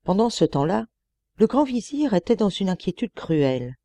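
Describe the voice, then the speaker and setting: A woman narrating a classic tale in a measured, expressive audiobook reading on a close mic. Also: medium pitch, no room sound.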